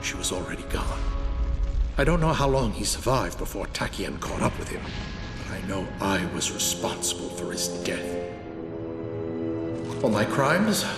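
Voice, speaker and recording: General Azimuth, grave echoing old warrior. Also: male voice, mid-range voice. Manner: grave, earnest, dramatic. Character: weary, remorseful older male alien general. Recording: echoey hall under loud music.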